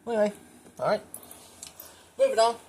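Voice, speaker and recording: This man's fairly high, darkish voice moves at a moderate pace as he gives a relaxed, homespun tour of his collection, muttering asides along the way. He's recording indoors at home, where weather radios and other background noise fill the noisy audio.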